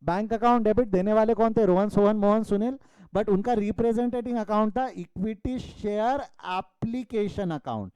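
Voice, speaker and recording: A man's voice: high voice, normal speed, warm tone, clear, resonant tone, dry recording, low-quality recording. A male commerce teacher from India giving an online class lecture over a video call, calling students "beta" and scolding them playfully.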